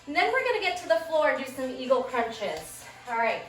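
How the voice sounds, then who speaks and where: A woman's voice: sits high, very animated, brisk, fairly bright tone. A woman fitness instructor calling out short, upbeat exercise cues while out of breath, working in a small space. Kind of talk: cueing a workout class. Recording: echoey room, distant mic, background music.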